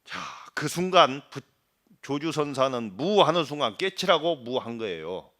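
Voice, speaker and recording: Speaking in a mid-range voice, a middle-aged monk delivers a dharma talk, quizzing his audience and imitating regional dialects. His delivery moves between forceful emphasis and hushed asides.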